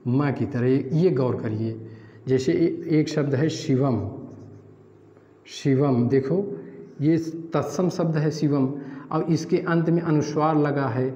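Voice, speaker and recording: A man's voice: fairly high pitch, dark tone. A man explaining grammar as a teacher, step by step, repeating words and asking questions back. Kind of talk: Hindi grammar lesson. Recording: dull, echoey, roomy sound.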